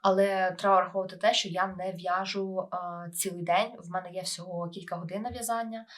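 Ukrainian woman vlogger, a bit under the weather, low-pitched, relaxed chatty delivery. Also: fairly quick. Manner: relaxed, chatty, with many filler hesitations. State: slightly ill, voice affected. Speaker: knitting vlogger. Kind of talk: casual vlog talk.

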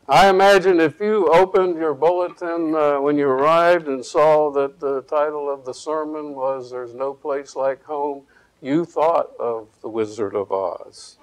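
A man's voice: fairly high pitch, slow pace, poor audio. A man in his sixties from Virginia preaching a sermon at a church pulpit. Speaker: pastor. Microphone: pulpit microphone.

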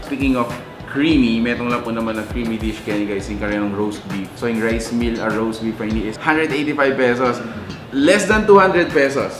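A man's voice: mid-range voice, a little fast. A young man with a Filipino accent, hosting a casual food review in a cafe, upbeat and switching between English and Kapampangan. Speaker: food vlogger host. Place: indoor cafe at a food-laden table. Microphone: camera framing two seated hosts. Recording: echoey cafe with background music.

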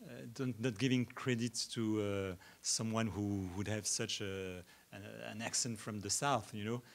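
In a lecture hall, a keynote speaker answers an academic question in a lowish, steady-toned voice. He speaks haltingly, with many restarts and stammers.

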